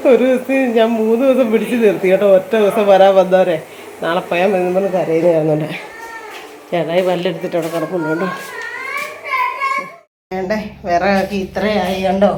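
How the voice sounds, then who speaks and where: Over a noisy background, a middle-aged woman with a lowish voice chats away to her viewers as she works around the house and yard. She's a home vlogger from Kerala with an Idukki Malayalam accent, and she keeps adding "you know" to her sentences.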